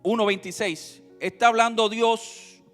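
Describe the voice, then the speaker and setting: A male pastor preaching a sermon, swinging between loud emphasis and quiet, drawn-out teaching. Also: high-pitched, steady tone. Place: church sanctuary. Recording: reverberant hall with faint music.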